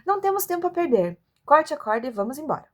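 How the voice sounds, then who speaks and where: A woman voicing a brisk, commanding male doctor and explorer in a storybook read aloud. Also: on the high side, very animated, heavily acted. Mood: urgent.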